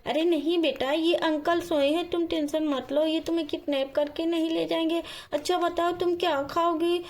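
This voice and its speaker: A kind, worried young housewife who coaxes and soothes and thinks out loud, as a woman puts her on. She speaks in a very high, gentle voice for a doll storybook video. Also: steady tone, normal speed. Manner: coaxing, talks to herself aloud.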